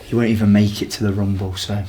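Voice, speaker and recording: A man's voice: lowish voice, level tone, fast, warm tone, a little hiss or hum. A male wrestler answering a challenge, dismissive and cocky.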